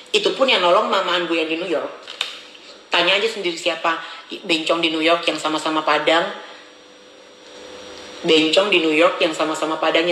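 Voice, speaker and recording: A man's voice: fairly high pitch, pushed and bright, roomy sound, a little hiss or hum, poor audio. A man ranting casually to his followers, chatty, repetitive and indignant, recorded on a phone held at arm's length. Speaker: social media vlogger. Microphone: phone camera at arm's length.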